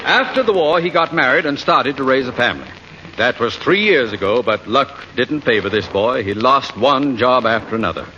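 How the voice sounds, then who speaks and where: A man's voice: mid-range voice, lively intonation, moderate pace, lightly acted. A man playing a pompous, wordy, commanding middle-aged school principal in an old radio sitcom. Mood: mournful appeal. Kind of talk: 1940s-50s radio sitcom acting. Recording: dull, very noisy old radio recording. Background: studio audience noise.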